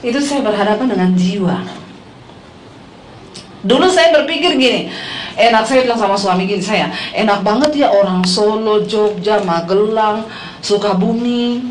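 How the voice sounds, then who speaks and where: Animated woman pastor preaching in an echoey hall. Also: medium pitch, a little hiss or hum. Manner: animated storytelling, addressing the congregation, acting out quotes. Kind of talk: sermon.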